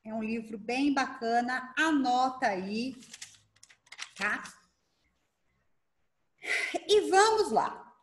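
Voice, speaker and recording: Woman, Brazilian accent, high voice, fast, rhetorical questions, online workshop. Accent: Brazilian Portuguese. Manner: fast, lively, asks herself rhetorical questions. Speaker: coach and speaker leading a workshop.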